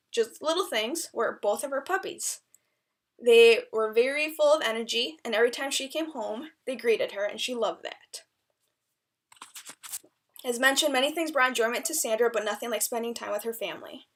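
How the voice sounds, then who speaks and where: A woman with a somewhat high voice delivers a prepared eulogy. She speaks earnestly and deliberately, as someone addressing a speech to mourners, and now and then stumbles over a word. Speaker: eulogy speaker, friend of the deceased.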